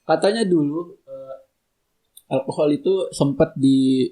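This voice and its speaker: A man's voice: fairly high pitch, slow, warm tone. A young man chatting casually, laid-back and slangy, often laughing. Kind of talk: casual chat. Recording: echoey room.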